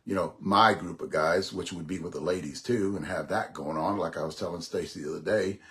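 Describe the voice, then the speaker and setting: Podcast host, man in his 60s, somewhat low voice, loose rambling delivery with casual cursing. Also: a little fast, a bit bright. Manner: rambling, repeats himself, swears casually. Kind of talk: casual monologue.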